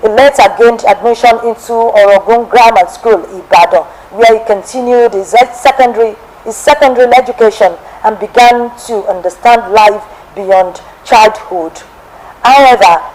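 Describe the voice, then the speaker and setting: A Nigerian woman hosts a television testimony show, reading a formal life story in a slow, measured way. Her voice sits a little high for a woman. A faint ambient hiss runs underneath. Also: a little mellow, rough recording. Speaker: TV program host and narrator. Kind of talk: scripted biographical narration.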